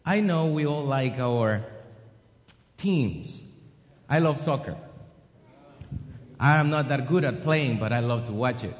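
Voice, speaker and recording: A man preaching a sermon with an emphatic, rising and falling cadence. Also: fairly high pitch. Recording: long hall reverb.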